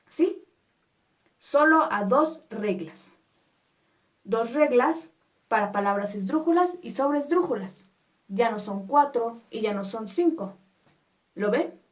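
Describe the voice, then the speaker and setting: Woman, teacher, unhurried and patient, slightly high voice, spells words out syllable by syllable. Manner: patient, stresses syllables one by one; reassuring rhetorical questions to viewers. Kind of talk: explanatory spoken lesson.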